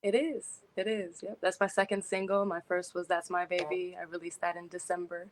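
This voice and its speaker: A woman's voice: lowish voice, flat delivery, a little fast, a crowd in the background. A young woman from Indiana, a singer-songwriter, chatting easily as a radio interview guest and laughing often. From Indiana, USA.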